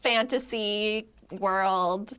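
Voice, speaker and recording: A woman's voice: medium pitch, very slow, fairly bright tone, clear, resonant tone. An American woman guesting on a casual podcast, thinking aloud and searching for words. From United States.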